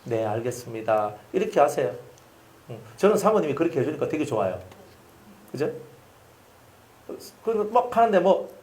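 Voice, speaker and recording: A man preaching a sermon as pastor, lively and acting out the voices he quotes. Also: fairly high pitch, moderate pace, pauses often.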